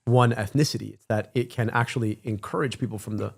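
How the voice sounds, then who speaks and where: A man in his thirties from Michigan, giving animated casual commentary on a clip and repeating words as he gets going. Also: mid-range voice, quick pace, vocal fry, breathy edge. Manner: animated, emphatic, repeats words when excited. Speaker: stream co-host reacting to clips.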